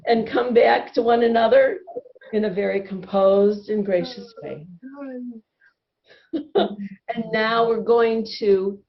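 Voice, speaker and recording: A woman teaching laughter yoga over a video call, upbeat and encouraging, often breaking into laughter as she guides the group. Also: a little high. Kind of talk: guiding a group laughter session. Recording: dull lo-fi video call audio. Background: group of participants laughing and cheering.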